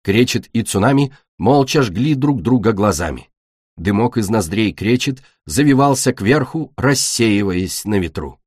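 Brief: male storyteller, husky, lively pitch, dry close mic. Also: unhurried, no echo. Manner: expressive storytelling. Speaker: narrator. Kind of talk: audiobook narration.

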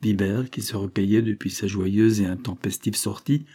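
Un homme qui lit à voix haute un roman du dix-neuvième siècle, d'une narration posée et régulière. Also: male voice, fairly low pitch, steady tone, normal speed, warm tone, breathy edge. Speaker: audiobook narrator. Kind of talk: reading a 19th-century novel aloud.

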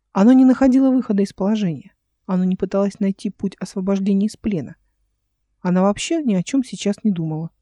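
A woman reads a novel aloud in steady, even audiobook narration. Her voice is warm and mellow, at a middle pitch. The recording is close and dry. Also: no echo.

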